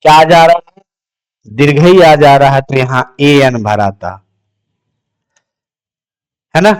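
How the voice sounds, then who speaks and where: Slow, repetitive male grammar teacher. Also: mid-range voice, lively intonation, smooth. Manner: repeats words slowly, asks and answers his own questions. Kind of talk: classroom lesson.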